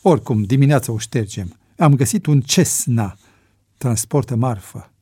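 Cocky mocking young fugitive voiced by a man, husky mellow voice, audiobook. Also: medium pitch, no room sound, natural voice. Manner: dry, mocking.

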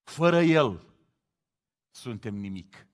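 A middle-aged man from Romania preaching a sermon, moving from quiet reflection to loud exclamations. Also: medium pitch. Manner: animated, swings from hushed to loud exclamations.

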